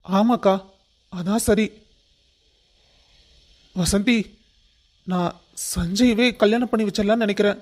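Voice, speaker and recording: A man's voice: sits high, fairly even intonation, slow pace, pauses often. A man voicing a firm, protective middle-aged father in a cartoon family story, speaking in a commanding way.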